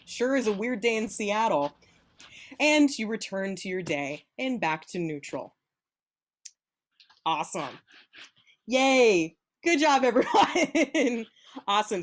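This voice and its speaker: A woman acting teacher leading a class through a spooky imagined walk in second person, playful and encouraging. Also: medium pitch. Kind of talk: guided imagination exercise.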